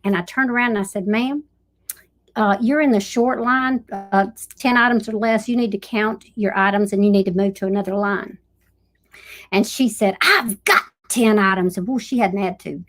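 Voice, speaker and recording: Lively Southern woman telling prank stories. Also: mid-range voice, normal speed. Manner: lively prankster storyteller who acts out other people's lines. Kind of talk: casual chat on a live stream.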